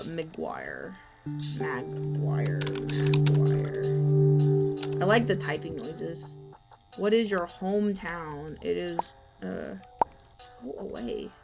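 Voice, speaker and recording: A young woman streaming a game from home, chatting casually, muttering and reading on-screen text aloud with quick reactions. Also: sits low, vocal fry. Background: background music and keyboard typing.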